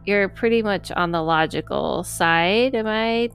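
On her podcast, a female host has a relaxed interview-style conversation with a guest, frequently voicing agreement and laughing readily. Her medium-pitched voice is smooth with some vocal fry, a little slow, and faint music plays underneath.

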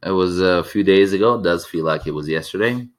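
A man with a deep, low voice co-hosts a casual podcast, chatting and telling stories with enthusiasm. His voice is still a little worn from yelling at a match days ago. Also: brisk. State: recovering a lost voice. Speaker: podcast co-host. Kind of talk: casual chat.

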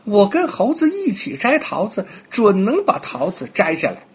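A proud young deer from a storybook, bragging in a raised, breathy voice, as an old grandpa acts him out. The pitch rises and falls with lively swings. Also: male voice, normal speed, exaggerated voice. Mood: pleased.

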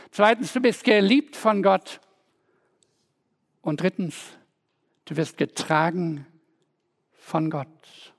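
A man's voice: high-pitched, creaky. A man preaching a sermon as a pastor, telling stories and repeating phrases rhythmically. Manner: storytelling preacher, rhythmic repetitions.

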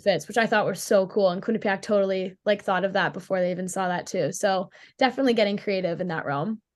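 A young woman from Pittsburgh talks as a guest on a casual podcast. She is bubbly and chatty, with a mid-range pitch, and she scatters "like" through her sentences. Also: quick pace. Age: young adult. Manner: bubbly, chatty, many "like" fillers. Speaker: college hockey player, guest. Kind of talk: casual interview chat.

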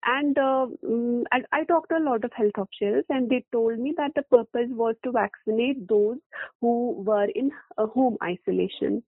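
A woman from Kashmir with a Kashmiri accent, a journalist answering interview questions in a halting, hesitant way with many fillers. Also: on the high side, no room sound. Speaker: freelance journalist being interviewed. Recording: phone-like, thin telephone line.

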